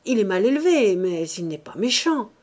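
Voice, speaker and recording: A woman's voice: medium pitch, sing-song, moderate pace, darkish tone. A woman voicing an elderly self-righteous bourgeois mother who laments plaintively in an audiobook. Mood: indignant lament. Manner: indignant, plaintive.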